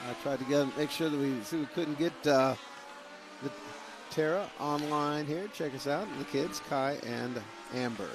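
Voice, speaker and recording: A man's voice: a little high, normal speed, noisy background. A man calling live practice laps at a small speedway, in a folksy, joking way. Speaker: race announcer. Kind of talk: live race commentary.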